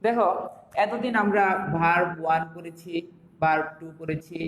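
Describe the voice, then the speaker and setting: A young male teacher with a Bangladeshi accent walks his students through a lesson, asking rhetorical questions as he goes. His voice sits high for a man. The recording carries a roomy echo with a long, lingering reverb. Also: normal speed, a bit bright, dull audio. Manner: explains step by step with rhetorical questions. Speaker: English teacher. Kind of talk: online classroom lesson.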